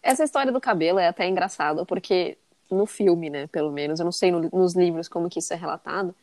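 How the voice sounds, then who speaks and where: A woman's voice: on the low side, fast talker, darkish tone, dry recording. A woman co-hosting a podcast, listening with frequent "uhum" and adding side notes in casual chat. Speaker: podcast co-host.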